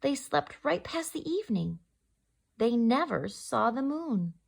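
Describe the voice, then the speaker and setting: A female storyteller and host reads a picture book to young children, speaking slowly with a highly animated pitch and some vocal creak. She's expressive and addresses her little listeners directly, asking them questions.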